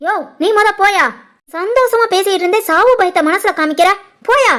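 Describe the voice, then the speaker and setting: Cartoon role: a woman as a quick-tempered older mother-in-law, shrill and scolding. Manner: sharp scolding, shooing people off. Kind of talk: animated family story voice acting.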